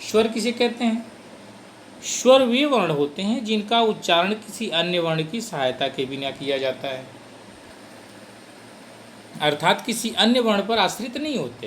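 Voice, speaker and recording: A man teaching a grammar lesson in a high, animated voice that swings up and down. He asks his class questions and answers them himself. A faint hiss sits under the recording. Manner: lively, animated delivery.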